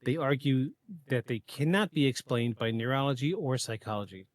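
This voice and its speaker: A man hosting a podcast, reading a prepared script in a measured way, with occasional stumbles and quick asides. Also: medium pitch. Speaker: podcast host. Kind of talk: scripted narration of a paranormal case.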